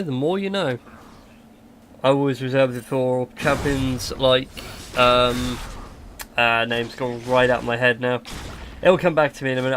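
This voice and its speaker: A man's voice: mid-range voice, fairly bright tone, slight background noise. Chatty man calling a game. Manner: chatty, quick play-by-play with jokes. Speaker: game caster. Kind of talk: esports play-by-play commentary.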